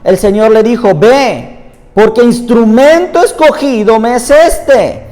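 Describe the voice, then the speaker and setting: A man preaching a sermon in Spanish, earnest, reading scripture aloud at length. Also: very high voice. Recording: reverberant room with soft music behind.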